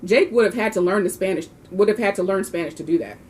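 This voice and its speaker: A volunteer reads a children's storybook aloud with lots of expression, stumbling now and then. Her voice is medium-pitched and quick, with a little background noise.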